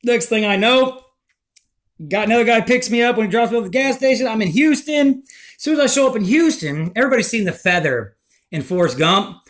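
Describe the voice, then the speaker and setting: A man's voice: extremely high pitch, fairly quick. Man telling a story, voice swooping widely. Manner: animated, rambling, emotional retelling. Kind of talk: personal testimony storytelling.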